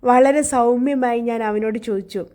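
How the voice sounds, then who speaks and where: A woman reads a novel aloud in the first person, keeping a steady, measured pace of storytelling. Her voice sits fairly high but sounds mellow and warm, never sharp. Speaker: audiobook narrator. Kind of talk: storybook narration.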